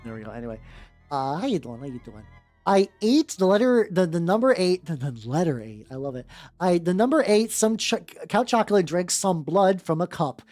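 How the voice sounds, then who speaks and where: Low-pitched and dark in tone, the woman's voice has a sing-song lilt and moves a little fast. She's a vtuber hosting a livestream, chatting and reading fan fiction, with frequent stammers, repeated words and asides, backed by music.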